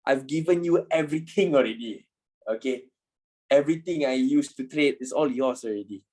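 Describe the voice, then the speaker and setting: A man's voice: mid-range voice, normal speed, mellow, low-quality recording. A man in his twenties, a trading instructor talking informally in an online class, repeating himself and swearing casually. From Malaysia. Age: 20s.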